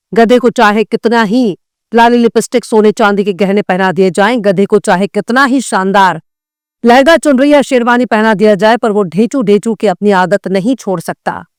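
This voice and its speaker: A woman's voice: on the high side, clear, resonant tone, no echo, clean studio sound. A woman news anchor delivering scripted, pointed news commentary with a scornful edge.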